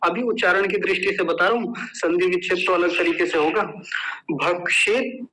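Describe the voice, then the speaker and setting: A man's voice: high voice, steady tone, brisk, bright, forceful tone, rough recording. A man teaching a recitation lesson, patiently sounding out words syllable by syllable and asking listeners to repeat after him. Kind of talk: slow, careful recitation lesson.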